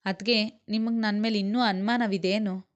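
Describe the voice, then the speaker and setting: Lady reading as a scornful angry young guy, indignant, mid-pitched voice. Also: fairly even intonation, normal speed, lo-fi sound, lightly acted. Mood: pleading. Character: angry young man scolding his mother.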